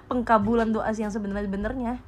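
A woman's voice: on the high side, steady tone, fast, music in the background. A woman in casual late-night chat, confidently giving advice and listening with short murmurs. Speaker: podcast co-host, older friend.

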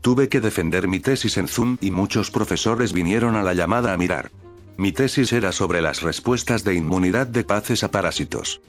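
A man narrating online stories in a steady, scripted read-aloud manner. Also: low voice, normal speed, soft background music.

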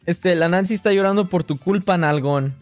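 A man livestreaming late at night, reading chat aloud and joking back in a relaxed, casual way, switching between Spanish and English. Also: high voice, moderate pace, soft background music.

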